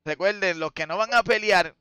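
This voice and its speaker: A man calling a mobile game tournament as play-by-play commentator, joking and exclaiming loudly at big plays. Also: high-pitched, normal speed, clear, resonant tone, faint music behind.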